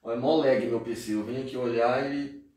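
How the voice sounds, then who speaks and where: On a live stream, a male Japanese teacher gives chatty, joking explanations peppered with slang. He has a mellow, mid-range voice with a steady tone and a slightly fast pace, recorded on a distant mic in a very echoey room.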